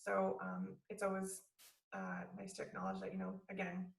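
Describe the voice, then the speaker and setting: A woman in her thirties from Canada, giving a guest talk in a relaxed, conversational way with frequent fillers. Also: medium pitch, normal speed, gravelly. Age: 30s. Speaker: guest speaker, athlete. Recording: echoey room, distant mic.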